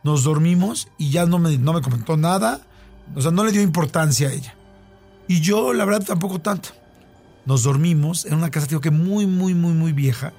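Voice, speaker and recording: A man with a Mexican accent tells a long personal story in a relaxed podcast chat. He is lively, leans on fillers and repeats himself, and his voice sits slightly high. Faint music plays behind him. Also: moderate pace.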